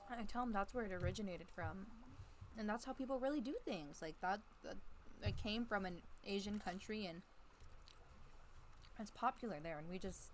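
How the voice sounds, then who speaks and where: A woman's voice: medium pitch, normal speed, slight background noise. A young woman vlogging in a casual chat, laughing often. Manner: giggly, chatty, laughs often.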